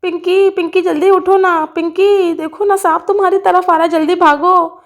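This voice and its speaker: A woman's voice: very high-pitched, fairly even intonation, normal speed, voice pushed up. A woman voicing a little girl doll who urges her friend and calls for help, in a doll story. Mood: anxious.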